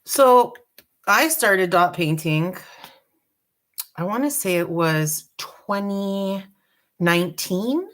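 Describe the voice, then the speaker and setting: A woman hosting a live dot painting tutorial, chatty and relaxed, joking about her own nerves. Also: medium pitch, takes it slowly, long pauses. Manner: chatty, relaxed, self-deprecating. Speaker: craft tutorial host.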